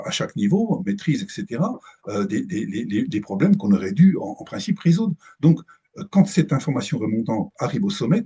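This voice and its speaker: At a business breakfast talk, a middle-aged man gives a live management presentation to an audience. His medium-pitched voice is mellow with a breathy edge, and he's hesitant, restarting often.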